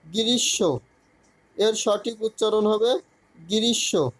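A man tutoring for an exam, reading out grammar questions and then giving each answer in a measured way. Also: sits high, fairly even intonation, no echo, low-quality recording.

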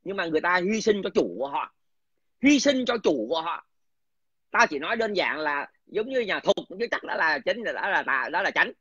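High, bright-voiced man ranting. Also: sing-song, moderate pace, husky, no echo. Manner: crude, aggressive, swearing, addresses listener scornfully. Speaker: political commentator. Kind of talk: casual profane rant. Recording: dull lo-fi dry recording.

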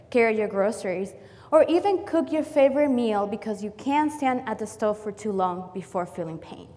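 Young woman speaking in a reverberant hall. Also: medium pitch. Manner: steady, rehearsed delivery. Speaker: competition speaker. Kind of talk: prepared talk. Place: lecture hall. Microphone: lapel.

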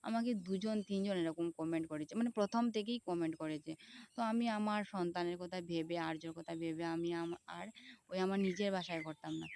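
A woman's voice: lowish voice, a little fast, darkish tone, clear, resonant tone. A woman in her thirties with a Sylheti accent, talking casually to her viewers from beside a pond, repeating herself as she explains. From Tripura, India. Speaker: vlogger. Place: outdoors by a pond.

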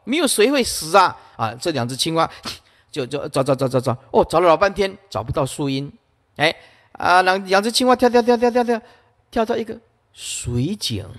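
A man's voice: fairly high pitch, lively intonation, moderate pace. A man giving an emphatic Buddhist sutra lecture, storytelling with frequent interjections. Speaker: Buddhist dharma teacher. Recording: long hall reverb.

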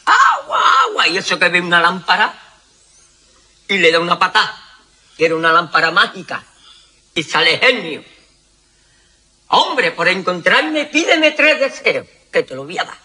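A man telling jokes among friends in a rowdy, laughing way, shouting the punchlines. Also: high voice, animated, moderate pace, long pauses, slightly rough. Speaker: joke teller.

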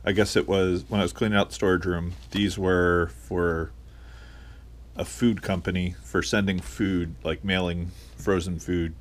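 A man's voice: low-pitched, little pitch movement, measured pace. A man giving a casual tour of his small home workroom, rambling with many fillers, recorded on a head-mounted camera. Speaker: online reseller. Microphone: head-mounted action camera.

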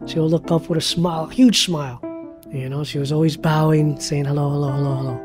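A man's voice: fairly high pitch, fairly even intonation, fairly quick, music in the background. A man who works as a hotel bellhop, talking in an interview and reminiscing in a heartfelt way.

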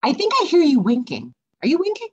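A woman's voice: high-pitched, huge pitch swings, fast, no echo, highs cut off. A woman improvising a sitcom scene, teasing and suspicious in her questions. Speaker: improv comedy performer.

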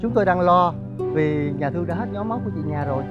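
A man's voice: high-pitched, expressive, fast, muffled recording, loud music behind the voice. An actor playing an urgent, polite male doctor in a television drama.

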